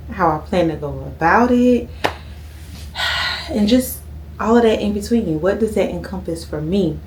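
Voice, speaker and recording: A woman's voice: fairly low pitch, a little mellow, a little hiss or hum. A thirty-year-old woman, chatting casually to her camera at home and tagging "okay?" onto her lines. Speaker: vlogger. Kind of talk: casual sit-down chat to camera.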